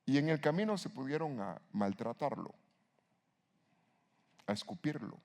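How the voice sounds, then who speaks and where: Gravelly-voiced man preaching emphatically. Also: medium pitch, lively intonation, unhurried. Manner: emphatic preaching with sudden loud rises and rhetorical questions. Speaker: pastor. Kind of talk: sermon.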